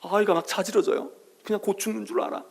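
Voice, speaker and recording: A middle-aged male pastor preaching a sermon, swinging between loud calls and hushed whispers and acting out soothing quoted voices. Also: high-pitched, fairly even intonation, fast talker, vocal fry, breathy edge. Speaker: senior pastor.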